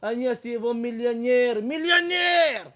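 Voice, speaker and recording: A man voicing a boastful woman who shouts in a public square, told as a story in a sermon. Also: high voice, lightly acted. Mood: shrieking. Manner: shouting, triumphant.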